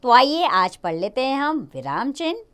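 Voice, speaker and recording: A young adult woman teaching a grammar lesson to children, slowing down to read out the example sentences. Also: high-pitched, big pitch swings, fairly bright tone, smooth.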